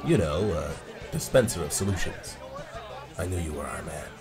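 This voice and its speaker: A man's voice: deep voice, expressive, moderate pace, vocal fry, music in the background, a crowd in the background. A man doing a grandiose scheming official.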